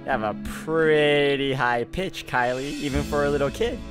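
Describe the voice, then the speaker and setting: A man with a medium-pitched voice hosts a let's play at normal speed, with music playing behind him. He blends gaming commentary with dramatic readings of visual novel narration and reacts openly to what happens.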